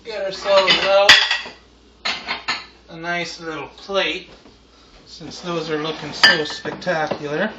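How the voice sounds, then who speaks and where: A man in his thirties talks slowly in a level tone, with frequent pauses, as host of a home cooking vlog. He's relaxed and rambling in a stoner manner, and the muffled, roomy camera audio from his kitchen carries the sound of a sizzling deep fryer.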